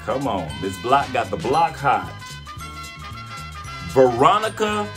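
A man's voice: medium pitch, expressive, measured pace. A man hosting a cooking channel, casually calling out names in a playful, chatty vlog giveaway. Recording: music playing behind the voice.

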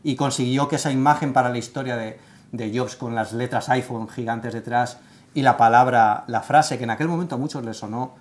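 A man's voice: medium pitch, a little fast. Emphatic man talking tech on a studio panel. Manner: emphatic and expressive, many fillers and restarts. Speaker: tech site writer leading the segment. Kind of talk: casual panel discussion. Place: studio set with sofa.

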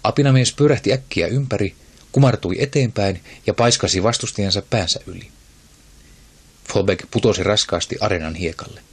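A man narrating an audiobook in a steady, even storytelling manner. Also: fairly low pitch, breathy edge. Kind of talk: scripted narration.

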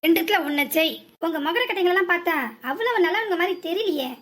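Actor playing a squeaky cartoon hero, southern Tamil accent, combative and threatening. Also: fast talker, a bit bright. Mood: defiant. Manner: confrontational, threatening. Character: bold young man defending a girl. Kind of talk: cartoon voice acting.

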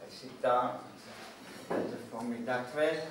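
A man's voice: mid-range voice, a bit bright, far from the mic, slight background noise. Older man lecturing in an echoey hall. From Slovakia. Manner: halting, many filler pauses. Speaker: guest speaker. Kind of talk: public lecture. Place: school hall. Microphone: stand mic, recorded from far camera.

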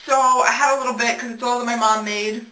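A woman's voice: a little high, fairly even intonation, fast talker, sharp tone. A young adult woman venting casually and dramatically to her phone in a bathroom, exasperated and sweary. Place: small indoor bathroom. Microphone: phone at arm's length. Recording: echoey, distant, noisy bathroom phone recording.

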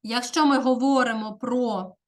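A woman teacher giving a grammar lesson to fourth graders, dictating slowly and enunciating each word clearly. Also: on the high side, fairly even intonation. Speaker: primary school teacher.

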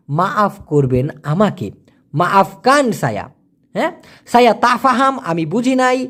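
Tutor, casual lesson, voice swings up and down a lot, spells out phrases slow. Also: medium pitch. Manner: repeats example phrases slowly, explaining word by word. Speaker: language teacher. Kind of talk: casual spoken language lesson.

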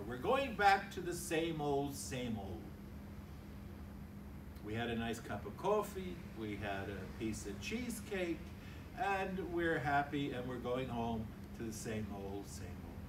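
There's background noise as an older priest, voice on the high side, delivers a sermon at a lectern in a large church hall. He talks conversationally and acts out short dialogues, captured by a stand mic and filmed from afar.

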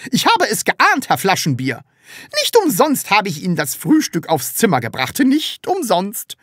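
A woman voicing a bossy, angry landlady in an audiobook, with a shrill, loud and scolding way of talking. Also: huge pitch swings, moderate pace, no room sound, studio quality. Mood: furious. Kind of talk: audiobook character reading.

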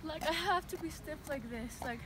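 A woman's voice: high voice, normal speed. A young woman in her twenties chatting to a phone camera while walking busy streets, a little out of breath. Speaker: vlogger. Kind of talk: casual travel vlog. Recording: loud street noise.

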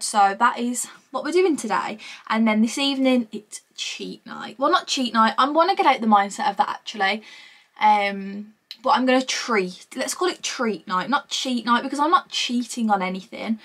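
With a fairly high, fairly bright voice, a woman vlogger in her twenties talks casually to camera in a British accent. She gushes in an informal vlog style indoors, in a small room at home.

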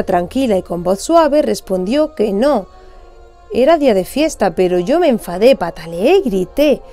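A woman reads a children's storybook aloud. Her reading is expressive and sing-song, her pitch swoops up and down, and she sits fairly high for a woman. Soft music plays faintly beneath her.

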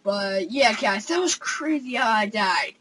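A young male gaming channel host with a high, lively voice gives excited let's-play commentary from a home room with a console screen. His delivery is unhurried and a bit breathy, full of excitable gasps and hesitant fillers.

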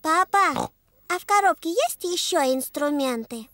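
A woman's voice: extremely high pitch, expressive, unhurried, a bit bright, dry recording, heavily acted. A woman voicing a cheerful, bossy little girl pig in a children's cartoon dub, with childlike, emphatic delivery.

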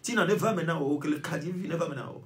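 High-voiced Togolese preacher chanting prayers. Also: male voice, very fast, fairly bright tone. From Togo. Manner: chanting repeated phrases, urging listeners to pray. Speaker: evangelist leading prayer. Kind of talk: fervent prayer sermon.

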